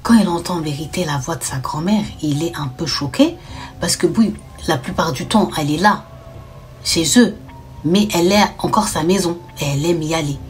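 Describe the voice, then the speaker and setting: Lively young woman telling a horror story. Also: low voice, moderate pace, faint music behind. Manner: animated, drops to whispers at tense moments. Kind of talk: casual horror storytime narration.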